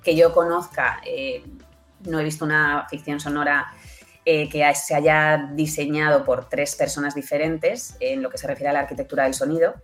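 Faint music plays behind a woman with a Spanish accent, an audio fiction producer being interviewed. Her low voice moves little in pitch and keeps a moderate pace while she explains conversationally, often tossing in short tag questions.

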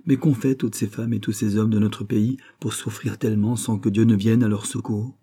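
A man's voice: level tone, moderate pace, husky. A man voicing a grieving older mother who speaks with raised, emotional intensity. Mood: weary. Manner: raised pitch, louder, emotional.

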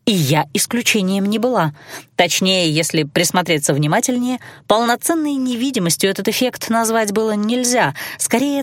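A woman narrating a fantasy audiobook in the first person, with expressive storytelling. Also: mid-range voice, dry recording.

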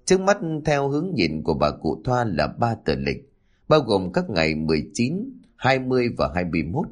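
Low-voiced male storyteller. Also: wildly swooping pitch, normal speed. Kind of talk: scripted story narration. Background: faint background music.

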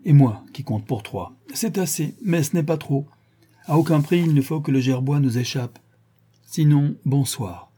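A man's voice: on the high side, measured pace, dark tone, slightly rough, pitched above the performer's own voice. A man voicing an old, tense police inspector who gives urgent, clipped orders.

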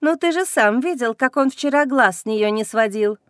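A woman's voice: on the high side, lively intonation, moderate pace, dry recording, studio quality, natural voice. A woman voicing an anxious, fretful female werewolf mother in an audiobook. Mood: worried. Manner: fretful, pleading. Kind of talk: audiobook character reading.

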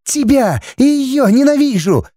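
A woman voicing a distraught, tearful young woman in an audiobook, with shrill, weepy outbursts. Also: sing-song, measured pace, warm tone, no echo, heavily acted. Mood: hateful. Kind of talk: audiobook character voice.

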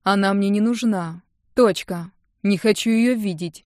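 A woman reading an audiobook, voicing a sullen, stubborn young man who answers tersely and flatly. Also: mid-range voice, measured pace, dry recording, clean studio sound, natural voice. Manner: flat, terse and defiant.

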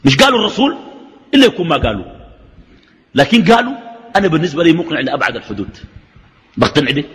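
A man's voice: fairly high pitch, sing-song, very fast, fairly bright tone. A man with a Sudanese Arabic accent teaching a religious lesson, arguing through a stream of rhetorical questions. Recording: echoey hall reverb.

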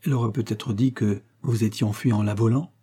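A man voicing a dignified, witty old aunt who speaks calmly and affectionately in a storybook reading. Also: lowish voice, a little fast, husky. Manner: calm, affectionate, dryly witty.

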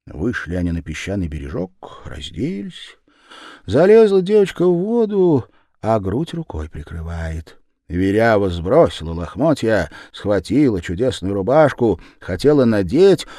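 A man narrating a fairy tale in a slow, lively storytelling manner. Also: fairly low pitch, no echo, clean studio sound.

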